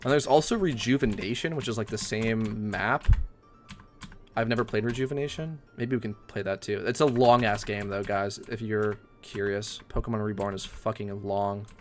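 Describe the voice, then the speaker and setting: A young man livestreaming a game, chatting casually, swearing and ranting loudly at it. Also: on the low side, moderate pace, soft background music. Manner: excitable, swears often, rants loudly at the game. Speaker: streamer.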